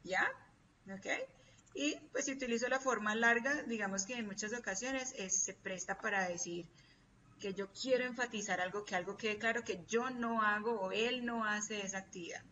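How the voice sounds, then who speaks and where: A woman's voice: medium pitch, moderate pace, pushed and bright, slight background noise. A woman teaching an English class, explaining patiently, repeating her examples and checking often that her students follow. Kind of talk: classroom lecture. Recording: distant, dull lo-fi audio.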